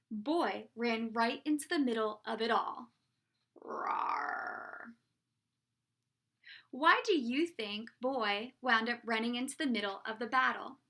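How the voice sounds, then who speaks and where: This is a picture-book read-aloud by a woman teacher who quizzes the kids as she goes. She speaks slowly in an expressive storytelling manner, her voice high and bright.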